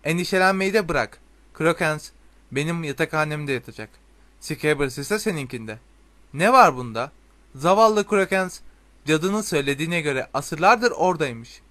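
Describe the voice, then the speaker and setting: A man reading a storybook voices an eager teenage schoolgirl, speaking in a bright, insistent way. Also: on the high side, animated, moderate pace, dry recording.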